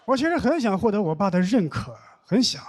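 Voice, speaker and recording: A young man doing a stand-up comedy set on stage, telling stories with deadpan mock complaints. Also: sits high, brisk. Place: comedy stage with live audience. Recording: noisy live show audio.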